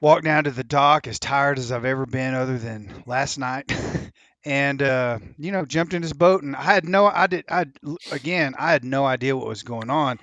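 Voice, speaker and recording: A man as a podcast guest telling stories in casual chat, animated and laughing often. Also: medium pitch, normal speed, dry recording, muffled recording. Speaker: videographer guest.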